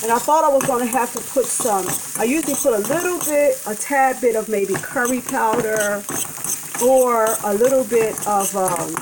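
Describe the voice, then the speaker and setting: A woman talks her viewers through a vegan breakfast in her home kitchen, rambling and correcting herself as she goes. Her voice sits a little high. A pan sizzles clearly under her words. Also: normal speed, background noise. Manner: chatty, rambling, self-correcting. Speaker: vlogger cooking a vegan breakfast. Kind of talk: casual cooking demonstration. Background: food sizzling in a pan.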